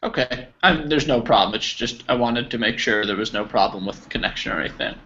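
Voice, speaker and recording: A brisk American man with a medium-pitched, pushed and bright voice gives casual group instruction in an online English class. He encourages students in an informal manner over a video call whose audio sounds dull and noisy.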